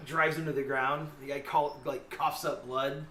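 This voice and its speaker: A man's voice: on the high side, little pitch movement, moderate pace, sharp tone. A man running a tabletop game as game master, narrating loosely with laughs and hesitant fillers, recorded in an echoey room from a distant mic with faint hiss.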